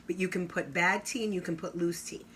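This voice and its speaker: Bright, enthusiastic woman demoing kitchen gadgets. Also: on the low side, slight background noise. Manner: enthusiastic salesy, drawn-out exclamations. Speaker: product demonstrator. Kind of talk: live kitchen product demo.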